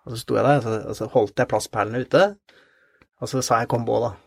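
A man telling a story in an interview, halting and repeating words with many fillers. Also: medium pitch, flat delivery, creaky, husky, no room sound. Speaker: interview guest. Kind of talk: conversational storytelling.

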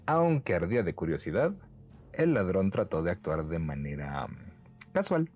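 A man narrating a bedtime story for children in a gentle, expressive way. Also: deep voice, moderate pace, faint music behind.

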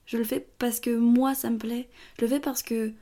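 A young woman hosting her own podcast, talking through her thoughts in a tired, halting way with many fillers and restarts. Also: on the high side, flat delivery, dark tone. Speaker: podcast host. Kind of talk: casual personal monologue.

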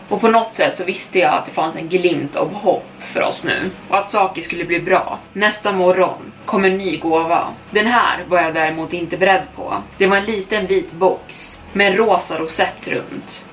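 A woman podcast host narrating a first-person story in a steady, even manner, recorded a bit far from the mic with faint background noise. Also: fairly low pitch.

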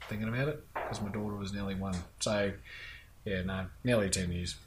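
A man in his thirties co-hosting a podcast, relaxed and easygoing in casual chat. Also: lowish voice, fairly quick, background noise. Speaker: podcast co-host.

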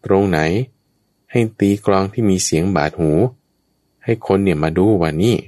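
A man's voice: deep voice, moderate pace, a little mellow, no room sound, clean studio sound. A man preaching a Buddhist scripture story, addressing his listeners directly with chatty asides. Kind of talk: storytelling Dhamma talk.

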